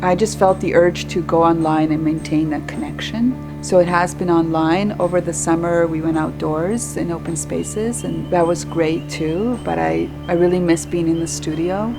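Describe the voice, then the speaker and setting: A woman's voice: on the low side, steady tone, normal speed, vocal fry, hardly any pauses, over music. A woman performing artist talking earnestly and conversationally in a documentary interview.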